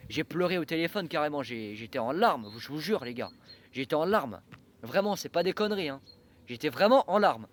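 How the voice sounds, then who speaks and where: A man's voice: on the high side, lively intonation, brisk. A young man talking to camera in a casual vlog, rambling with many fillers and restarts. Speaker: train-spotting vlogger.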